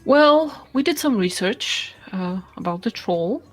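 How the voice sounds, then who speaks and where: A woman playing her character in a tabletop game, chatty, hesitant and quick to laugh. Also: mid-range voice, animated, soft background music. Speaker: player.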